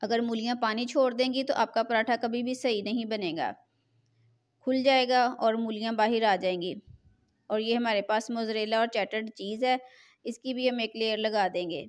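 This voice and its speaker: A woman's voice: fairly high pitch, moderate pace. A middle-aged woman, hosting a home cooking tutorial in a chatty, repetitive voice-over. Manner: chatty, repeats filler phrase "jo hai na". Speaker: cooking channel host.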